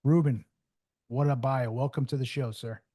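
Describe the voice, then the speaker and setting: Husky-voiced male podcast host. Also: medium pitch, steady tone, normal speed, mellow. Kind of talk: scripted intro and interview.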